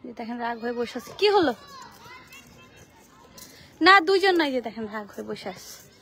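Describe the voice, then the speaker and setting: A young woman, vlogging at an outdoor playground. She calls anxious warnings to her child and then speaks softly to her viewers. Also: on the high side, expressive, moderate pace, slight background noise. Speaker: vlogger and mother. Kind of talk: casual family vlog.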